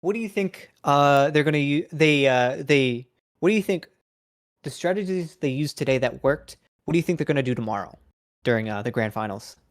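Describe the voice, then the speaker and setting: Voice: medium pitch, animated, brisk. Young stream host, upbeat, giggly, casual sign-off talk. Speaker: esports tournament host.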